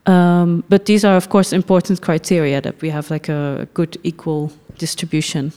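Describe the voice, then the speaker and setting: A middle-aged Dutch woman who directs a film festival is interviewed on a podcast, answering thoughtfully with frequent pauses and soft laughs. Her voice is smooth, fairly low in pitch, and level in tone.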